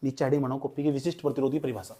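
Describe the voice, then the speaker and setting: A man's voice: medium pitch, fairly even intonation, very fast, dark tone. A young male physics teacher in a classroom, urging students along, repeating phrases and calling on them by name.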